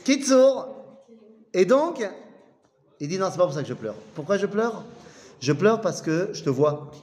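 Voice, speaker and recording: A man's voice: high-pitched, big pitch swings, a little slow, a little mellow, big-room sound. A man giving a casual study lesson, reading old texts aloud and retelling them in chatty, joking speech. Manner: reads Aramaic, then retells it in chatty, joking French. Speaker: teacher.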